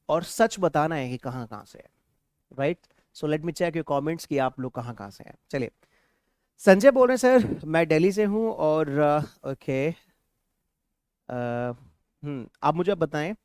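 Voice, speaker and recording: A man's voice: fairly high pitch, no echo, clean studio sound. A man with an Indian accent teaching a live spoken English lesson, switching between Hindi and English, repeating example phrases and reading out viewers' comments.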